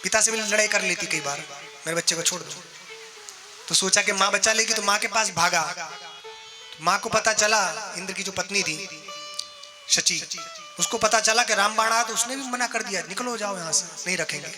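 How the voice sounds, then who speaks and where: A male religious storyteller delivers a devotional story sermon, narrating dramatically and slipping into the characters' voices. His voice sits high. Devotional music plays clearly underneath. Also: normal speed.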